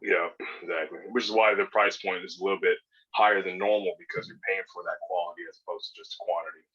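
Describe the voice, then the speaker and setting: Low husky guy in his 30s, bright edgy tone, rambling podcast guest, kinda lo-fi sound. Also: fairly even intonation, fast talker. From born in California, raised in Hawaii and Spain. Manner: laid-back, rambling with many fillers and restarts. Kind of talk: casual podcast interview.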